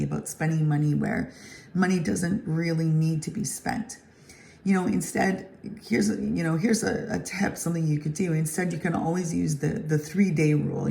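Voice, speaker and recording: A woman with a hoarse, grating, croaky voice from laryngitis, giving a tarot reading in a casual, explanatory, conversational way. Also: low-pitched, mellow. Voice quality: grating, croaky voice that breaks into breathiness. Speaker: tarot reader hosting a weekly reading. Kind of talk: casual scripted-feeling tarot reading to viewers.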